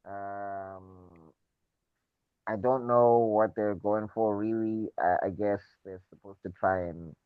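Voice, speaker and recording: A man with a fairly low voice comes through muffled and dull, as if his mic were covered. The sound is dry and close, with no room around it. He rambles casually, restarting his sentences. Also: steady tone, slow, clear, resonant tone, no room sound. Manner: laid-back, rambling with restarts. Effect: muffled sound from a poor mic connection. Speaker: podcast co-host. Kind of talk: casual chat. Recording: muffled, dull remote call audio.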